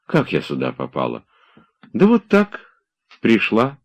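Man putting on a young woman, teasing and light, lively swings in pitch, storybook reading. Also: a little slow, lo-fi sound, exaggerated voice. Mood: playful.

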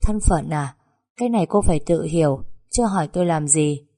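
A teasing young master of a wealthy house, as a woman reads him, his voice low and mellow. He switches between playful coaxing and a cold, probing edge, as in a spoken storybook. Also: expressive, measured pace. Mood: menacing. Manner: teasing, then coldly probing.

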